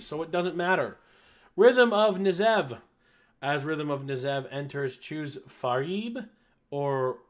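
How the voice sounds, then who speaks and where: A man going through a card list in casual commentary, reading rules text and reacting in an offhand, dry way. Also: medium pitch. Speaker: card reviewer.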